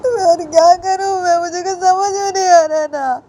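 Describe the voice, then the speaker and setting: A woman's voice: very high voice, fairly even intonation, moderate pace, mellow, a little hiss or hum, pitched above the performer's own voice. A woman voicing a young male student who pleads and sobs to his teacher. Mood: sobbing. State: crying.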